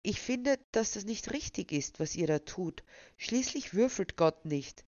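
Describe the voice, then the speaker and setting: A man's voice: high-pitched, lively intonation, measured pace, darkish tone, muffled recording, voice pushed up. A woman voicing a hesitant, earnest young man in a storybook scene, reproachful in manner. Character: Jesus, a hesitant, sulky young man at a card table.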